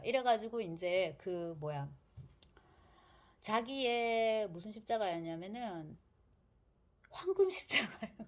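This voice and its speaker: A woman lecturing on literature in a casual, chatty way. She tells the story with energy and acts out the characters' lines. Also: fairly high pitch. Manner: lively storytelling, acting out quotes.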